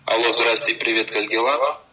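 A man's voice: mid-range voice, fairly even intonation, normal speed, pushed and bright, slight background noise. A man talking in a plain, chatty way, heard played back from a phone call recording through the phone speaker. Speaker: tech video blogger. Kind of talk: casual how-to demo. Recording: distant phone speaker playback.

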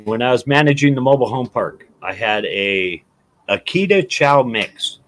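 A middle-aged man chatting casually, telling animated stories and acting out quotes. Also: mid-range voice, normal speed, slight background noise. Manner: storytelling, animated, acts out quotes. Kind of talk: casual chat.

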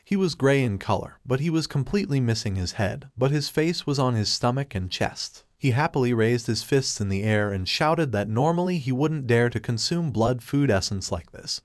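A man narrating a comic recap in a steady, even storytelling manner, reading a script in the past tense. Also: mid-range voice, moderate pace, hardly any pauses, dry recording, studio quality.

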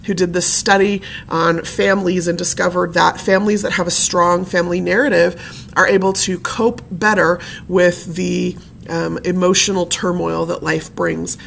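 A woman's voice: lowish voice, fairly even intonation, normal speed, vocal fry, fairly bright tone, a little hiss or hum. A woman giving a conversational presentation on family history, chatty and personal, with frequent fillers.

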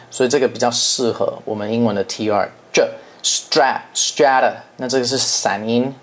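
A male English teacher walks through a pronunciation lesson in a middle-pitched voice. He explains patiently and stretches words out slowly, repeating them to model each sound.

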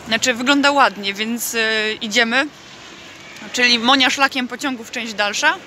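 A young woman chatting through a casual travel vlog, laughing often and filling pauses with hesitations, filmed on a handheld phone. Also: a little high. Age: young adult. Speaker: vlogger. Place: outdoors and in a snack bar, city and seaside. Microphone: handheld phone camera. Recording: loud street noise behind.

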